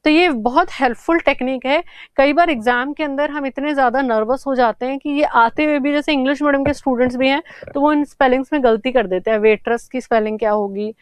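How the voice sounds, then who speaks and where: A woman's voice: high voice, fast talker, smooth, no echo. A woman teaching an English grammar lesson for exam prep, explaining step by step and answering her own questions.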